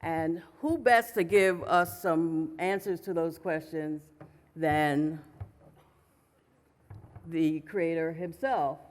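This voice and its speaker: Chatty new york lady moderating a con panel, lots of ums, big echoey hall. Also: lowish voice. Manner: chatty and loose, with frequent fillers.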